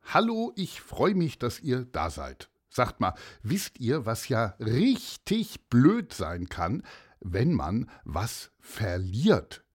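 A man narrating a children's story, expressive and addressing young listeners directly. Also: medium pitch, slow pace, husky.

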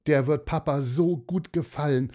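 A man voicing a grateful young girl in a storybook, speaking softly. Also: fairly high pitch, normal speed, pitched above the performer's own voice, lightly acted.

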